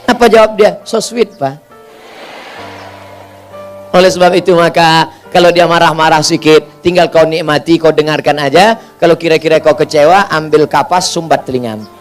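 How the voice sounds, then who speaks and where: A man delivers a humorous sermon in a high, bright voice. He fires off rhetorical questions and repeats phrases in a steady rhythm. Faint music plays behind him. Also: brisk. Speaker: preacher.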